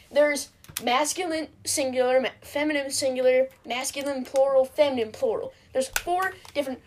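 High-voiced rambling teen girl. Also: moderate pace, darkish tone, a little hiss or hum. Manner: rambling, stammering, laughs often. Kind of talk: casual chat.

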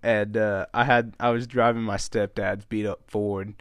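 A man's voice: fairly low pitch, a little slow, smooth, dry recording. Laughing young man telling stories. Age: young adult. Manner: animated storytelling, laughing, swearing. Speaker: podcast host. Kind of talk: casual chat.

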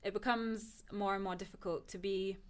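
Smooth and mid-range, with fairly even intonation and a moderate pace, this woman's voice belongs to a reflective young PhD student. Originally from Turkey and in England since age ten, she is a podcast guest in a personal, conversational exchange.

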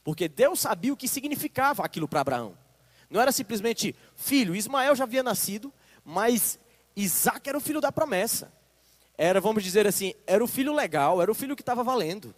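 Brazilian male preacher, high and lively, sermon style, reverberant hall sound. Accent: Brazilian Portuguese. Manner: reads scripture slowly with emphasis, asks the congregation "Amém?". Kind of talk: sermon with scripture reading.

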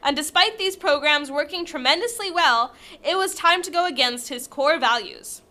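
Woman, high-pitched, bright, comedic read-aloud, stumbling, giggly. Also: animated, normal speed. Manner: stumbles over words, giggles often. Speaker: co-host reading a story aloud. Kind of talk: comedic reading with banter.

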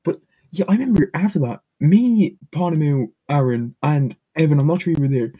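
A man's voice: a little high, brisk, warm tone, slightly rough. A man chatting casually on a podcast, telling a story and easily amused. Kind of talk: casual chat.

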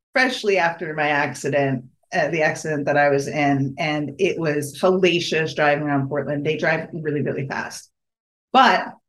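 A podcast host talking alone, eager and rambling, often breaking off and restarting sentences. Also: medium pitch. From United States. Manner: enthusiastic, rambling, self-correcting. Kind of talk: casual solo podcast monologue.

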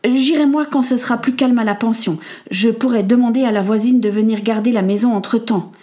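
A woman's voice: fairly high pitch, fairly quick, mellow, voice pushed up, lightly acted. A woman voicing a worried, practical landlady who stammers when fretting. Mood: fretful. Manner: fretful, stammering. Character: worried boarding-house landlady, practical wife.

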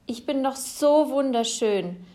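Woman playing a vain rainbow fish, storybook, haughty, curt, slow-spoken. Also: high voice, animated, warm tone, voice pushed up. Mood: dismayed.

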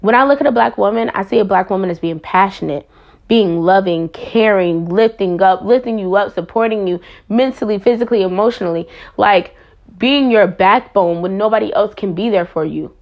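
A woman's voice: mid-range voice, normal speed, muffled recording. Impassioned, blunt young woman venting. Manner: impassioned, blunt, swears freely. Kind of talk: candid personal monologue.

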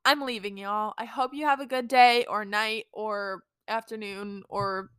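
A woman's voice: medium pitch, fairly even intonation, a little slow, fairly bright tone, clear, resonant tone, no echo, studio quality. A young woman hosting her own podcast, talking casually and earnestly, with lots of fillers. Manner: earnest, chatty, many fillers. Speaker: podcast host. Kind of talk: casual solo podcast talk.

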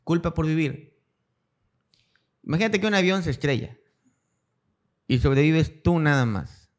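A man's voice: on the high side, lively intonation, measured pace. A young adult man with a Mexican Spanish accent, a guest speaking in a casual interview who tells his story and acts out the voices of people in it. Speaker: guest, cancer survivor.

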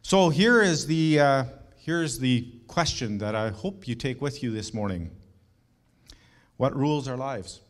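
A middle-aged man delivers a sermon with earnest, emphatic conviction. He leans on rhetorical questions and turns to the congregation with warm personal asides. His voice sits at an ordinary middle pitch for a man. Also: expressive, measured pace. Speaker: pastor.

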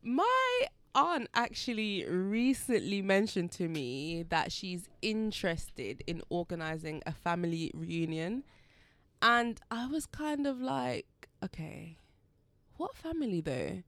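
A woman's voice: mid-range voice, very animated, slow, fairly bright tone, smooth, dry recording. A young woman from Jamaica, co-hosting a casual chat podcast, curious and full of questions. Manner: curious, asks questions, laughs often. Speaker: podcast co-host.

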